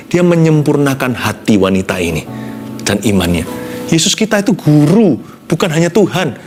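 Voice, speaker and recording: A man preaching a sermon with great animation. His fairly high voice leaps up for excited exclamations and drops low for soft asides. Faint music plays behind him. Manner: animated preaching, mixing in English phrases. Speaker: pastor.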